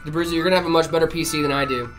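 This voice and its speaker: A man's voice: on the high side, steady tone, racing, music in the background. A man from North Carolina co-hosting a live stream, chatting casually and reading viewer messages aloud while building a PC.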